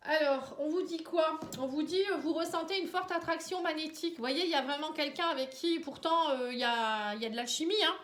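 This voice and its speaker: Woman, high-pitched, congested head cold, tired, casual card reading, roomy echo. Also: brisk, few pauses, a little hiss or hum. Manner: talks straight to the viewer, tags lines with "hein" and "vous voyez". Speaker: tarot and oracle card reader. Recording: roomy, resonant sound.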